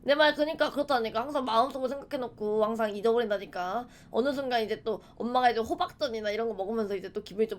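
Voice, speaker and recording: Fields: Sex: woman. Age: 20s. Pitch: high. Role: streamer. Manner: chatty, laughing, acts out memories. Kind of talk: casual livestream chat.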